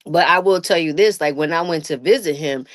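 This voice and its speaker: A woman's voice: deep voice, a little fast, no room sound, studio quality. Laughing New woman telling stories. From Brooklyn, New York. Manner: animated, laughs often, vernacular speech. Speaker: interview guest, rapper and artist. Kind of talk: casual storytelling interview.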